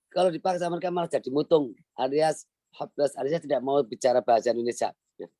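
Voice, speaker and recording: A man's voice: medium pitch, mellow, dry recording. A middle-aged man giving an emphatic talk on a video call as a webinar guest speaker, often repeating his key phrases.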